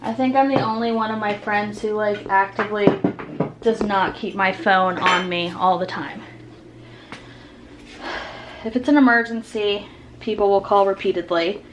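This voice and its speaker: Chatting casually to the camera, an American mother in her thirties rambles through her vlog in an informal style. She speaks at a moderate pace in a steady, medium-pitched voice, pausing often. The sound is noisy home-video audio with clicks.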